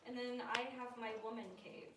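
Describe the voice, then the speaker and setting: A young woman with a fairly high voice chats casually and giggles often. She sounds cave-like and echoey in a bare, empty apartment. She speaks from away from the mic, over steady background noise. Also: fairly quick, recorded from a distance. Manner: giggly, laughs often between remarks. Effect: echo of a bare, empty apartment, like a cave. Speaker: vlogger's live-in partner. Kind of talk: casual chat. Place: empty unfurnished apartment, indoors.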